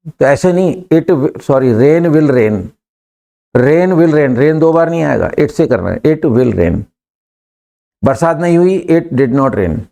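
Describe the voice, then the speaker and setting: A man with a slightly high, warm voice and some vocal fry teaches English in a classroom. He drills his students on sentences, coaxing them to answer and repeat.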